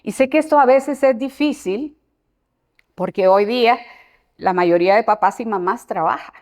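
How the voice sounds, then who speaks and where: A woman's voice: fairly high pitch, normal speed, darkish tone. An older woman, an educator giving an informal talk to parents and explaining with everyday examples.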